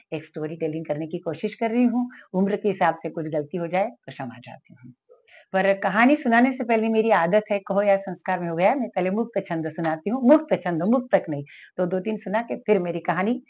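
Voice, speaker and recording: Older female storyteller, expressive, repeats phrases, live small-stage open mic. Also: fairly low pitch, a little fast, breathy edge. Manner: expressive, repeats lines for emphasis. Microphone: handheld stage microphone.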